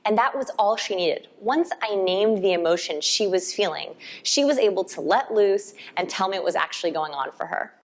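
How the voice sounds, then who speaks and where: A woman's voice: medium pitch, expressive, normal speed, few pauses. Woman explaining a coaching concept. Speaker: life coaching course instructor. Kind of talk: recorded course lecture.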